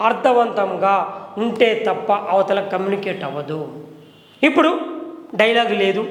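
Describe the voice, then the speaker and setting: Acting teacher guy, kinda high voice, walks through examples, big roomy echo. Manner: explains with hands-on examples. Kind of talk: classroom lecture on acting. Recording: echoey room with long reverb.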